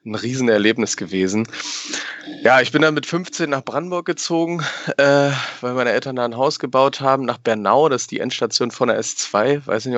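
A man's voice: mid-range voice, fairly bright tone, dry recording. A man in his thirties from Berlin, a podcast guest chatting casually with lots of fillers. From Berlin, Germany. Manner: rambling, many fillers. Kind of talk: casual chat. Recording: dull, lo-fi dry sound.

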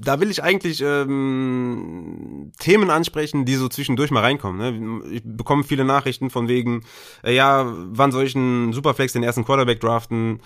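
A man co-hosting a podcast, chatting at a middle pitch. He talks loosely and colloquially. He restarts often and leans on fillers. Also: moderate pace, creaky, fairly bright tone. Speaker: podcast co-host. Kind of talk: casual podcast chat.

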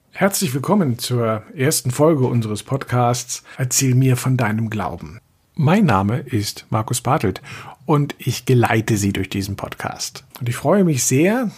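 Male podcast host with a slightly raspy voice, calm and courteous when asking questions. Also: mid-range voice. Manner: measured, polite questioning. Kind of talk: podcast interview.

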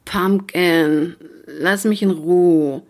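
Woman putting on a sleepy grumpy young guy, slow and low, mutters his lines, audiobook. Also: steady tone. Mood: sleepy grumbling. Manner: slow, low grumbling murmur. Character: sleepy, gruff young man, torn and curt.

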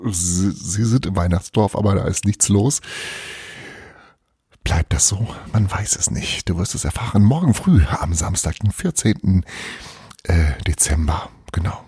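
Husky deep-voiced male storyteller. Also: unhurried, no echo, studio quality. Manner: warm, lively, chatty outro. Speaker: storyteller and host. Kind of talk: audio advent calendar story reading.

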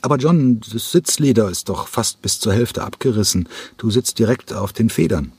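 A man's voice: fairly low pitch, lively intonation, normal speed, darkish tone, husky, no echo. A man reading an audiobook, voicing a male dancer who sounds skeptical and objecting. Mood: doubtful. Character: doubtful male dancer, unconvinced.

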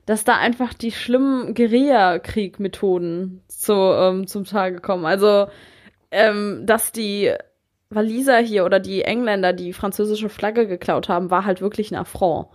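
A woman's voice: medium pitch, normal speed. A young adult woman chatting casually and humorously as a podcast host, telling stories in German peppered with English words. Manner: animated storytelling, mixes in English words.

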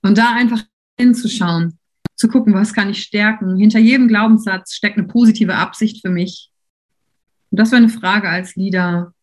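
Woman lecturer talking to a class, chatty and lively, keeps asking the room stuff. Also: medium pitch, normal speed. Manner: lively, conversational, asks the audience questions. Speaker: university lecturer on coaching and leadership.

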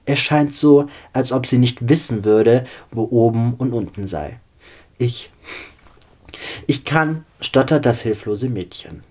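A man narrating a story in a calm, even reading. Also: medium pitch, measured pace, hardly any pauses.

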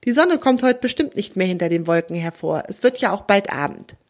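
A woman's voice: mid-range voice, animated, a little fast, close to an everyday voice. A woman voicing a sensible, helpful young boy in a children's storybook. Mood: practical.

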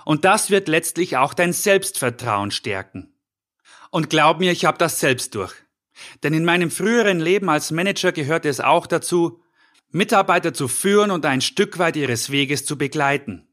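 A man's voice: a little high, animated, moderate pace, a bit bright. A middle-aged man, a life coach and podcast host, giving a scripted motivational talk in an earnest, encouraging way, speaking directly to the listener.

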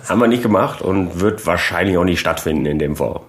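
A man's voice: deep voice, lively intonation, fast talker. A man co-hosting a casual podcast chat, laid-back and tagging his sentences with questions. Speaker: podcast co-host.

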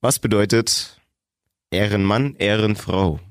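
Low-pitched male co-host, plain and relaxed, dry close mic. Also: takes it slowly, no echo. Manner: reads out definitions plainly. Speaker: podcast co-host. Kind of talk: casual chat.

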